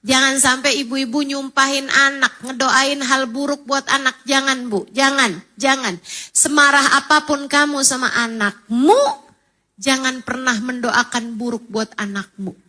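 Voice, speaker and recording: A woman's voice: sits high, steady tone, poor audio. A woman preacher giving a sermon to a women's gathering, telling stories and acting out tearful prayers and quoted people. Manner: pleads loudly and slowly in emotional peaks. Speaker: female Islamic preacher.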